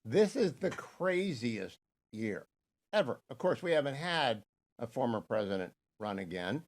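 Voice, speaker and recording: Hoarse sixties man hosting talk radio. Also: medium pitch, very animated. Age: 60s. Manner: brisk, opinionated, reads ad copy. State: hoarse with laryngitis. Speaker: radio talk show host.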